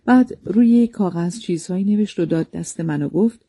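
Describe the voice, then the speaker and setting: A man reading a memoir aloud as a calm, measured storybook narration, recorded close to the mic. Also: sits high, husky, dry recording.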